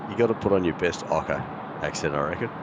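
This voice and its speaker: A man's voice: sits low, quick pace, dull audio. A man chatting casually on a live stream. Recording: outdoor traffic and urban noise. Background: city and vehicle noise.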